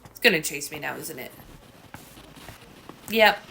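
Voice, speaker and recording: A woman's voice: low-pitched, expressive, unhurried, creaky, sharp tone, a little hiss or hum, low-quality recording. A woman playing a video game, commenting and reading game text aloud. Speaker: gaming video player.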